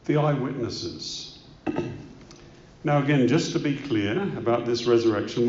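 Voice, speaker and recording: A man's voice: mid-range voice, a little mellow. A man preaching a sermon, asking rhetorical questions and telling stories with emphasis. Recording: echoey room, dull lo-fi sound.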